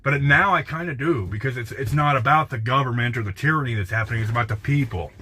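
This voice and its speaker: A man's voice: medium pitch, quick pace, bright, forceful tone, husky. An American man, a truck driver, chatting casually on a phone livestream from his truck cab, blunt, profane and rambling with lots of restarts. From United States.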